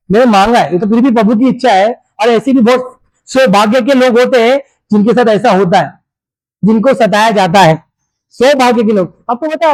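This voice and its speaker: A man's voice: extremely high pitch, darkish tone, dry recording, poor audio. A man preaching a sermon as a pastor, fervent and speaking directly to his congregation in a church.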